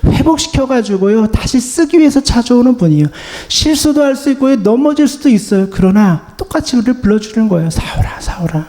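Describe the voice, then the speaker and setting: A man preaching a gentle sermon as pastor, voicing the Lord's comforting words to the congregation. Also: extremely high pitch, expressive, fast, hardly any pauses. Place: church sanctuary. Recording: long church reverb.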